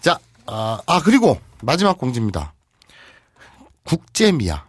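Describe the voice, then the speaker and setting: A man's voice: medium pitch, wildly swooping pitch, a little slow, slightly rough, no room sound. A man in his thirties hosting a casual comedic chat in a studio, teasing and playful. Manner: teasing, playful, acts out quoted lines. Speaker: podcast host.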